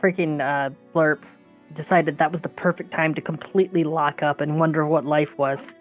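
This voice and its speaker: A woman's voice: deep voice, steady tone, moderate pace, muffled recording, faint music behind. A woman bantering casually as a player in a tabletop game, with a dry, teasing manner.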